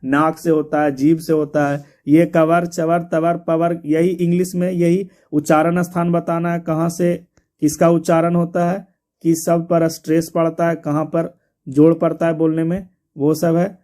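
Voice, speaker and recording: A man's voice: on the high side, little pitch movement, unhurried, mellow. A man teaching an exam syllabus, repeating points and spelling words out letter by letter. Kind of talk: explaining a syllabus to students.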